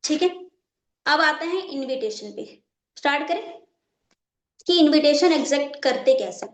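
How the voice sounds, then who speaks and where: A woman's voice: sits high, animated, normal speed, echoey room. A woman running a live online training session, stopping again and again to check that her class is following and repeating her points. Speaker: network marketing trainer.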